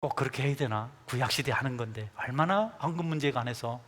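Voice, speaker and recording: A man's voice: mid-range voice, quick pace, a bit bright. A middle-aged man preaching a sermon as pastor, emphatically exhorting his congregation and calling for amens. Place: church sanctuary. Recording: echoey church hall.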